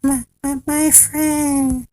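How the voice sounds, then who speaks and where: Woman voicing tiny squeaky Mayor of Whoville. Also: little pitch movement, mellow, soft background music. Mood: grateful, eager. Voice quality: small, thin, piping. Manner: halting, repeating words, earnest. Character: tiny grateful small-town mayor creature, male, polite and earnest.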